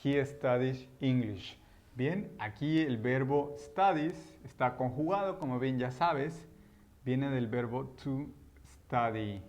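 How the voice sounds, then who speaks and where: A young man, teaching a patient grammar lesson and slowing down to model example sentences. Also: mid-range voice, darkish tone, highs cut off. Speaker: English teacher. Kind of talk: classroom-style grammar lesson.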